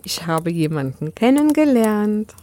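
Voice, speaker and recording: A woman's voice: medium pitch, very animated, a little slow, mellow, no echo. A woman voicing an ancient fairy-tale old woman who gossips and chatters. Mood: chatty.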